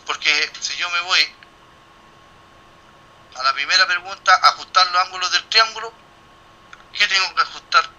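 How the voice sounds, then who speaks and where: A middle-aged lecturer with a very bright, slightly high voice walks his class through a calculation. He thinks aloud, stumbles and restarts, and throws in questions to the room before he answers them himself. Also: normal speed, long pauses, dull audio. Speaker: university lecturer. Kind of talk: classroom explanation.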